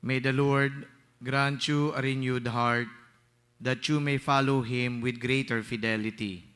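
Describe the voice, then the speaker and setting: A man, a priest at Mass, intoning prayers and blessings in a slow, measured, solemn way, with a cathedral echo. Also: medium pitch, steady tone, fairly bright tone, clean tone. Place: large church. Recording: long church reverb on a PA mic.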